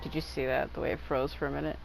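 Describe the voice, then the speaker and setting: This gameplay streamer has a gravelly bass voice and talks quickly with a flat delivery. Her let's-play commentary is loose, rambling, and candid, with plenty of swearing. Heavy background noise mixes with the game music behind her.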